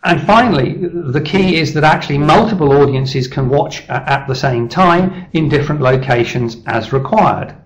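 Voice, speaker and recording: A middle-aged man giving a persuasive business presentation over slides on a webcam call, steady and measured with small restarts. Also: on the high side, low-quality recording. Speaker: leadership speaker presenting his service. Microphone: webcam video call.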